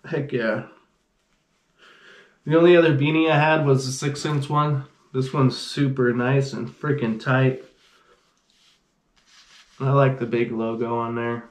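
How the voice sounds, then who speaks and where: A man in his thirties hosts a casual fishing unboxing vlog in a small indoor gear room, his mid-range voice flat in pitch, unhurried and full of pauses, with a reverberant sound. He rambles in a laid-back way and says "freaking" a lot.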